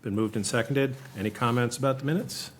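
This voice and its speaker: A man chairing a town council meeting, reading procedure and announcements in a flat, hesitant way. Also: medium pitch, fast talker. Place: indoor council meeting room. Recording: meeting room with clear background noise.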